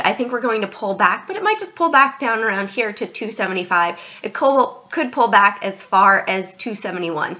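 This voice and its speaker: A trading channel host with a mid-range voice chats casually over her screen, talking directly to viewers and often correcting herself. Allergies leave her voice stuffy and slightly scratchy, yet her tone is bright and forward; the recording sounds dull and lo-fi.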